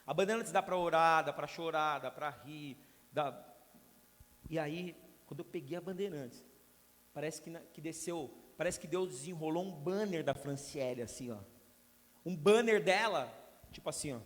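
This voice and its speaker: High-voiced pastor in a reverberant hall. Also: male voice, normal speed. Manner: storytelling, humorous asides to the congregation. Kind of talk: sermon. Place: church hall.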